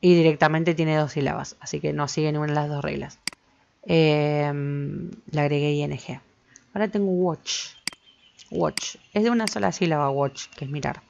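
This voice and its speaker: A woman's voice: low-pitched, steady tone, normal speed, vocal fry, darkish tone. A woman teaching English grammar to Spanish-speaking students, patiently going through each step and often checking "¿sí?". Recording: dull lo-fi with faint noise.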